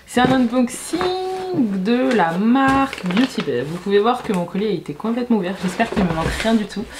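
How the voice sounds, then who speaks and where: A woman's voice: mid-range voice, brisk, noisy background. A woman talking casually to camera in a beauty unboxing vlog, chatty and rambling, often hesitating and correcting herself. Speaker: beauty YouTuber.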